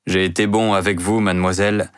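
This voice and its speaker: A man's voice: sits low, flat delivery, fairly quick, clear, resonant tone, no room sound, clean studio sound, natural voice. A man playing a proud, passionate wealthy store owner who speaks sternly.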